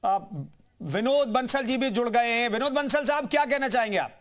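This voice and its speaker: A man anchoring a TV news debate, introducing guests and steering the talk in a brisk, polite way. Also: very high-pitched, a bit bright. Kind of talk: moderating TV debate.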